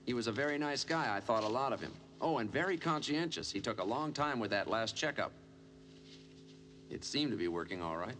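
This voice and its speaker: An actor playing a chatty, folksy older caretaker, heard in a noisy film soundtrack. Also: male voice, medium pitch, expressive, brisk, a bit bright, natural voice. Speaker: building caretaker.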